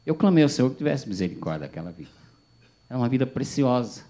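A male pastor, giving a sermon testimony as animated storytelling with acted dialogue. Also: medium pitch, quick pace.

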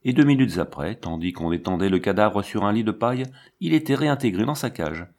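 A man reading an audiobook story aloud in steady, dramatic narration. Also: on the low side, brisk. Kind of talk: scripted narration.

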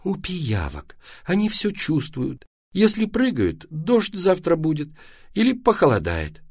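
A tired, sarcastic mother answers flatly from half-sleep , as a man reads her. The lively storyteller's melody still runs through it, recorded dry. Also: a little high, measured pace, slightly rough, no echo, voice pushed up, exaggerated voice. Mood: dry sleepy. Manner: dry and matter-of-fact.

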